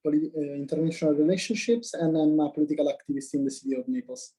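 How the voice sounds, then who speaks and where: A man from Italy, a student, introducing himself haltingly on a video call. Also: on the high side, fairly even intonation, mellow, poor audio.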